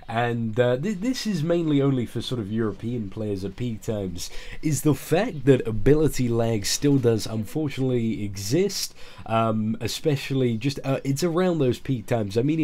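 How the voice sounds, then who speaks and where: A man with a dark, mellow voice at a middling pitch talks through a video game in an informal, explanatory way. He sounds under the weather and slightly groggy as he gives his casual commentary. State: ill, groggy. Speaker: gaming video creator.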